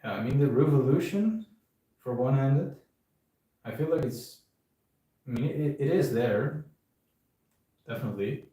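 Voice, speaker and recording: An eighteen-year-old man from the Netherlands, chatting casually and relaxed on a livestream, hedging with filler phrases. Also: medium pitch, a little slow, pauses often. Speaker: streamer. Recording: echoey room, far from the mic, clicking noise.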